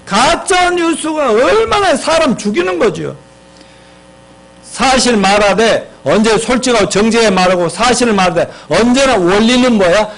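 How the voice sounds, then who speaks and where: A male pastor preaching a sermon who quizzes his congregation, leads them in reading aloud and acts out quarrels between spouses. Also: a bit bright. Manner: acts out quoted spouses with sudden higher, sharper lines.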